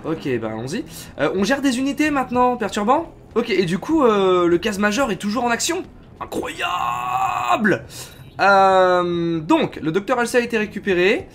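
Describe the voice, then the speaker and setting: A man streaming a game live, chatting casually and reacting loudly as he plays. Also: high voice, very animated, brisk. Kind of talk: live gameplay commentary.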